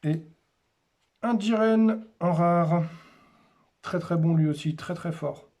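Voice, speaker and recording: Slow, mellow-voiced man naming cards. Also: a little high. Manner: names cards one by one in short, unhurried remarks. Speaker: host opening a card display. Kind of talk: casual unboxing commentary.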